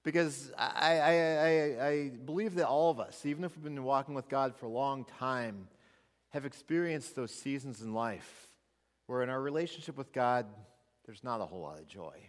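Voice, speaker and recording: A man's voice: mid-range voice, normal speed. A male pastor preaching a sermon at a pulpit microphone in a church, speaking conversationally with frequent restarts. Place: church sanctuary. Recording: long reverb of a church hall.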